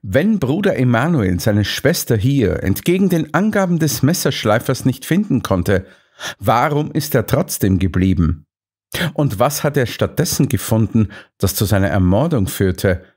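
A man's voice: medium pitch, big pitch swings, normal speed, darkish tone, husky. A man reading as an earnest put-upon companion. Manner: earnest, indignant.

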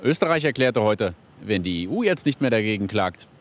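A man reading a scripted news report as a voice-over, measured and clearly articulated. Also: on the low side, big pitch swings.

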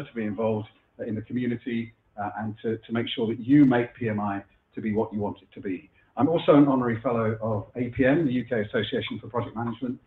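A middle-aged man, his mid-range voice husky from a cold, gives a conference keynote to a live audience in a lecture room. He is chatty and self-deprecating, often using fillers and restarting sentences, and the echoey room comes through a phone-like line.

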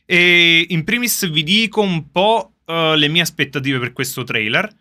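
A man chatting casually to his viewers on a livestream from a soundproofed underground gaming room, excitable and quick to laugh. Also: fairly high pitch. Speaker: streamer reacting live to a game reveal. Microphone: streaming setup with facecam.

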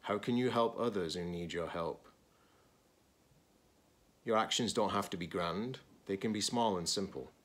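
The speaker is a teacher-librarian in middle age with a low voice. He takes his time over a children's picture book, pausing between short phrases.

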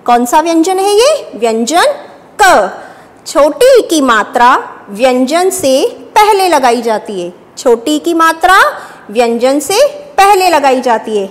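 A woman teacher speaks slowly in a high voice, taking young children through a lesson step by step. She asks each question and then answers it herself. The room around her rings with a long echo. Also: very animated. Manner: slow, repeats each point as a question and answer.

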